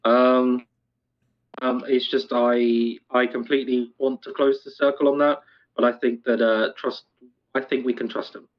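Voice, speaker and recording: A man playing a police superior in a game roleplay, measured and firm yet apologetic. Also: medium pitch, flat delivery, highs cut off.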